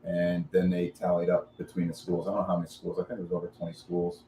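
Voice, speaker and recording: Deep, mellow laid-back man. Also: monotone, fast. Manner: laid-back, hesitant, many fillers. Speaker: jiu-jitsu brown belt answering questions. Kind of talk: casual podcast chat. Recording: echoey room with faint noise.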